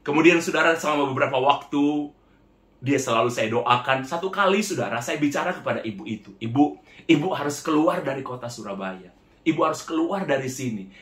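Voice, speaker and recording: A pastor with a medium-pitched, fairly bright voice tells a testimony to his congregation in a roomy-sounding space. He repeatedly addresses them as "saudara," meaning brothers and sisters, and acts out the voices he quotes in this sermon storytelling.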